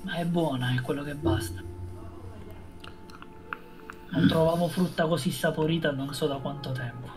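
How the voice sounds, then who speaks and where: A man playing a tabletop role-playing game, speaking casually and deliberately in character. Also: fairly high pitch, steady tone, darkish tone, faint music behind, rough recording. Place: indoor room, online group stream.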